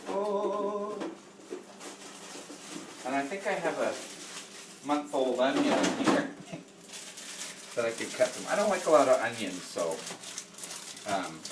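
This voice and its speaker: A man's voice: medium pitch, sing-song, slow, pauses often. A man chatting casually while he cooks in his home kitchen, rambling and self-deprecating and laughing often. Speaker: home cooking vlogger. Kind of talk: casual chatty cooking vlog. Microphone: camera across the kitchen. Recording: echoey kitchen, distant camera mic, background noise.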